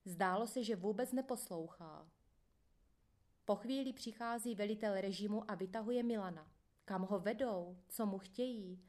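A woman reading a first-person memoir aloud in a calm, measured way. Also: medium pitch. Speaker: audiobook reader. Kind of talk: scripted first-person narration.

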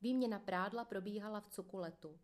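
A woman narrating a first-person prison memoir in a calm, measured audiobook reading. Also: mid-range voice.

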